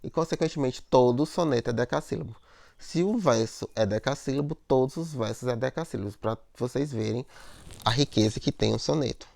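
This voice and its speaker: A man with a gravelly, mid-pitched voice teaches a lesson on poetic meter. He explains patiently, repeats himself and keeps checking in with his listeners. The recording is dry and close. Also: a little fast, darkish tone, no room sound. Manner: explanatory, repeats words, frequent "né?" and "ó".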